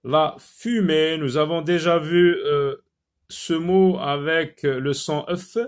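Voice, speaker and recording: Slow, deliberate male phonics teacher. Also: on the high side, fairly even intonation. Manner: slow, deliberate, repeats words syllable by syllable. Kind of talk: phonics lesson for children.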